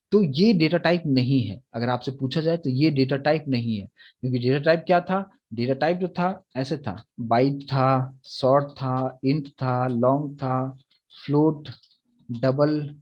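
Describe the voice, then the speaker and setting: A young man with a medium-pitched, husky voice teaches a recorded Hindi lecture on Java programming, heard with a lo-fi sound. He explains step by step and often checks that the students are following.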